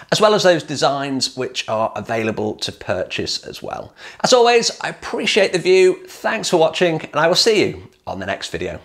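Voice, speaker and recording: Upbeat man pitching to camera. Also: gravelly. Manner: energetic, upbeat salesman pitch. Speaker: hot tub builder selling plans. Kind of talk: direct-to-camera promo talk.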